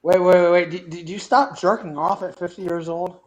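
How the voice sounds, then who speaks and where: A man's voice: high-pitched, fairly even intonation, brisk, dull audio. A man in a casual sports chat who teases the others and repeats words as he starts.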